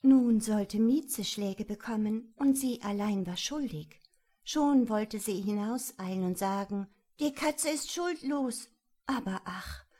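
A woman narrating a children's storybook in a measured, gentle storytelling manner. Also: mid-range voice. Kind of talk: storybook reading.

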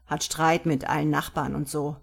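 A woman's voice: low-pitched, level tone, moderate pace, vocal fry, husky, exaggerated voice. Woman doing Bodo, a sonorous scheming man. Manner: stern and decisive. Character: middle-aged man, sonorous, scheming, firm.

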